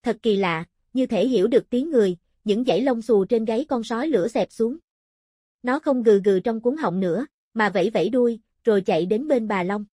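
A woman narrating a storybook in a plain, even-paced reading. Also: a little high, fairly quick, dry recording, clean studio sound.

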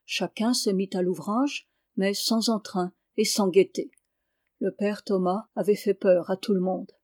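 Woman audiobook reader, calm, dry close sound. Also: medium pitch, a little slow, no room sound. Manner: calm, names each speaker before lines. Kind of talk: audiobook reading of a classic novel.

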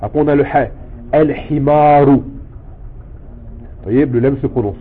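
A man teaching a language lesson, explaining patiently step by step and repeating words slowly for his student. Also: medium pitch, husky. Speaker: Arabic teacher. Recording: tinny phone-like sound with faint noise.

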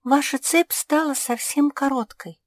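A woman voicing an anxious little female pug who pleads in a high, urgent voice. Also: slow pace, no echo. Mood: anxious pleading.

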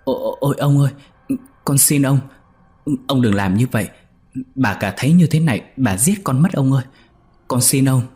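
A man's voice: medium pitch, lively intonation, normal speed, long pauses, a little mellow, pitched above the performer's own voice, natural voice. A man voicing a frightened young servant girl who begs and pleads in tears. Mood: pleading. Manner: pleading, tearful begging.

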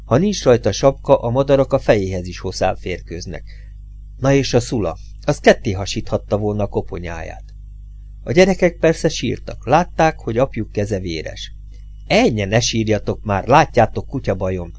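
A man's voice: lowish voice, big pitch swings, darkish tone, soft background music. A man reading a suspenseful story aloud as an audiobook, with tense, dramatic emphasis. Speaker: audiobook reader.

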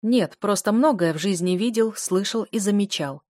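A woman's voice: medium pitch, moderate pace, darkish tone, no echo, clean studio sound, close to an everyday voice. A woman reading as a wry middle-aged man. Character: dry, ironic 49-year-old man, worldly.

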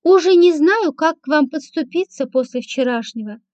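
A woman's voice: high voice, expressive, normal speed, darkish tone, dry recording. A woman voicing a sly, fawning young ex-servant who wheedles, giggles and sighs. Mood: wheedling. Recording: dull lo-fi, dry.

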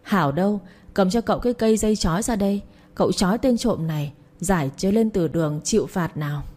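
Woman playing a deadpan teasing young husband. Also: medium pitch, fast talker, close to an everyday voice. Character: young husband, cold-faced, teasing and bossy.

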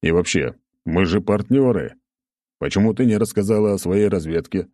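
A male narrator voicing a gruff, stern Spartan warrior in an audiobook. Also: deep voice, normal speed, dark tone, pitched above the performer's own voice, close to an everyday voice. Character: gruff deep-voiced Spartan warrior man.

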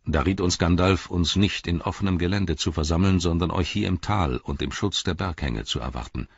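A man voicing a loyal chieftain who reports to his lord in an earnest, respectful way with a husky voice. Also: deep voice, brisk, no echo, muffled recording, exaggerated voice.

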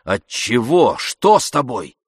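A man voicing an energetic friend who urges loudly and emphatically. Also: mid-range voice, takes it slowly, breathy edge, dry recording, clean studio sound, exaggerated voice. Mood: urging. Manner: emphatic, urging, loud. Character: energetic, insistent male friend, forceful.

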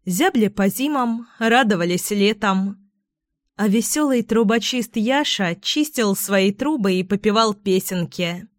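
A woman reading a children's fairy tale aloud in a slow, even storytelling way. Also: medium pitch, no echo, studio quality.

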